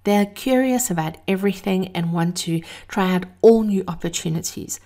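A woman speaking intimately in a breathy voice, at times near a whisper, as host of a motivational monologue. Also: medium pitch, moderate pace, dark tone. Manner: intimate, addressing listeners as darling. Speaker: host of a daily encouragement series.

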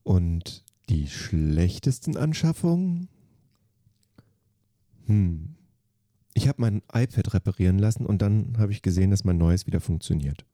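A man's voice: sits low, expressive, a little slow, pauses often, warm tone, dry recording, clean studio sound. A man, a dance teacher from Germany, giving short, matter-of-fact answers in an interview. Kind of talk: quick-fire interview answers.

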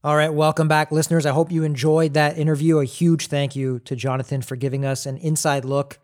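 A man's voice: on the high side, little pitch movement, a little fast. A man hosting a casual sports podcast, upbeat and chatty, laughing easily. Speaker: podcast host.

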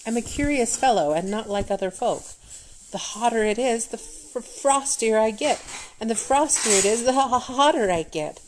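A woman's voice: on the high side, expressive, normal speed, a little hiss or hum, pitched above the performer's own voice, close to an everyday voice, rough recording. A woman voicing a strange, shivering man who stammers through chattering teeth. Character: shivering odd man who freezes in heat.

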